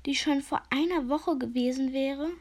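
A woman's voice: high-pitched, normal speed, darkish tone, voice pushed up, natural voice. A woman voicing a haughty, lazy male lizard who serves as a court official, speaking nasally and condescendingly in a storybook. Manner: condescending, drowsy.

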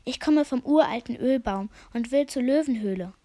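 A woman's voice: on the high side, moderate pace, dark tone, lightly acted. Woman voicing a storybook tortoise, female, polite, patient, cheerful, steadfast. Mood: friendly.

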